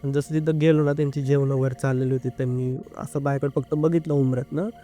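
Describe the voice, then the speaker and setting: A young man telling a personal story as an interview guest, speaking earnestly and haltingly, with filler sounds. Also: medium pitch, little pitch movement, mellow, faint music behind. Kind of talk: casual first-person storytelling.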